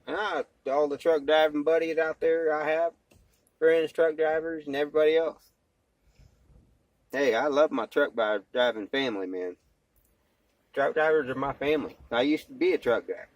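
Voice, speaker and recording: A man with a fairly high voice talks at a moderate pace into a cell phone, casually and plainly, in a folksy, slangy, rambling vlog style. He's an amateur vlogger, CB radio hobbyist and former truck driver. The recording is dry and the audio dull.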